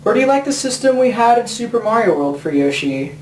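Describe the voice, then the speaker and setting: A man's voice: very high-pitched, sing-song, brisk, a little hiss or hum. A man giving a profane, rambling comedic rant about video games. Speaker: video game commentator. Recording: roomy sound from a distant mic.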